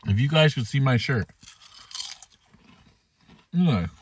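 Expressive and unhurried, this mid-range voice comes from a thirtysomething man eating on camera in his car for a casual mukbang vlog. A phone or camera at arm's length captures him, with slight background noise.

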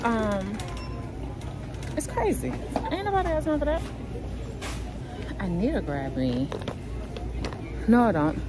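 A woman's voice: a little high, sing-song, slow, pauses often, over music. A young woman chatting casually to her viewers in a vlog from a store, using informal slang. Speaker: vlogger. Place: store and mall, indoors.

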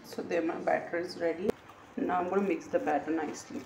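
A woman's voice: on the low side, fairly quick, very noisy. Woman narrating a home cooking vlog. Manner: steady step-by-step instructional narration. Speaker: cooking vlogger. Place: home kitchen.

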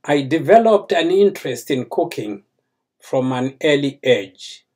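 Slow, husky older man hosting a show. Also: fairly high pitch, lively intonation, dark tone. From Zambia. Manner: courteous, formal address to viewers. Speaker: host of a cooking channel. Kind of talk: slow, formal talk to camera. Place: small indoor room, seated before a plain backdrop.

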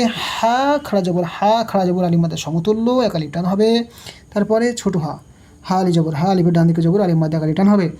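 Woman tajweed teacher, soft mellow voice, spells out each letter and vowel mark, repeats every sound patiently. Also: medium pitch. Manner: slows to a long drawn-out chant for the Arabic verses. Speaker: Quran recitation teacher. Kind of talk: step-by-step tajweed lesson.

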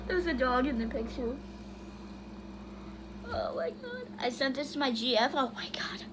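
A woman's voice: high-pitched, animated, measured pace, noisy background. A young woman casually commenting on funny videos, bursting into shrieks and then muttering to herself. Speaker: YouTuber reacting to videos.

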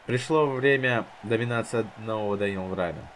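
A man's voice: lowish voice, brisk, a bit bright, slight background noise. A man commentating his own gameplay like a casual wrestling commentator, teasing and goading the wrestlers as he goes.

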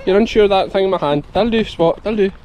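A man's voice: high-pitched, quick pace, muffled recording, some chatter behind. A man in his thirties with a broad Scottish accent, a sheep farmer chatting casually as he vlogs and talks to his dog. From Scotland. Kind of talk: casual outdoor vlog chat, talking to child and sheepdog. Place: outdoors in an open farm field. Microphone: action camera held at arm's length. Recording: outdoor field noise.

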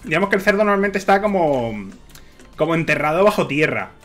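Excitable streamer with lively pitch. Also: male voice, brisk. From Spain. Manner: excitable, swears often, laughs a lot. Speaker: Minecraft streamer. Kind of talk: casual gameplay stream commentary. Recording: music playing faintly behind.

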